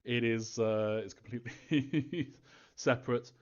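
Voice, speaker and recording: Speaking slowly in a medium-pitched voice, a man reads out fans' questions and replies casually as a game developer. He hesitates, chuckles, and stays evasive about story details; the audio is dull and lo-fi.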